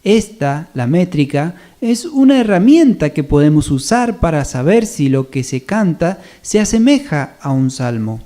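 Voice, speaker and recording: A man presenting a church music seminar, calmly explaining hymn meter in a measured, scripted way. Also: fairly high pitch. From Argentina. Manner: calm, measured explanation with sung hymn examples. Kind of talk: scripted teaching on radio.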